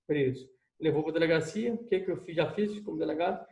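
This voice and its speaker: Lively law lecturer, echoey room. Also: male voice, a little high, fairly quick. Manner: lively, conversational, addresses students as "gente".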